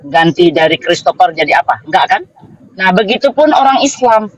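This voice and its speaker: A woman's voice: fairly low pitch, lively intonation, normal speed, dry recording, lo-fi sound. A woman joining an online debate, explaining emphatically. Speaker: debate participant. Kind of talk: debate argument.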